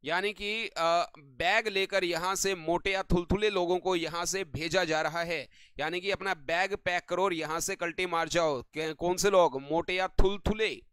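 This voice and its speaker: High, crisp-voiced man teaching vocabulary. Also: fairly even intonation, unhurried, a bit bright, no room sound. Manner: repeats "bilkul bhai" and questions to the viewer. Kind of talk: online vocabulary lesson.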